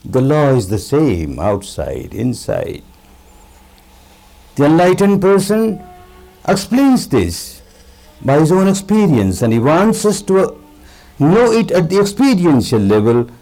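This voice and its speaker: A male meditation teacher delivers a spiritual discourse in a fairly high, creaky voice. He speaks very unhurriedly, repeating key words for emphasis and leaving deliberate pauses between short phrases. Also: big pitch swings, dark tone, poor audio.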